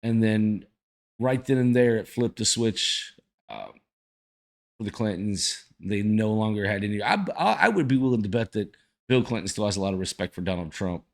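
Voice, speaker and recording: A man giving casual political commentary to viewers, folksy and mildly salty, often halting as he thinks aloud. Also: fairly low pitch, lively intonation, vocal fry, darkish tone. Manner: folksy, plain-spoken, mildly salty language. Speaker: host of a reaction video.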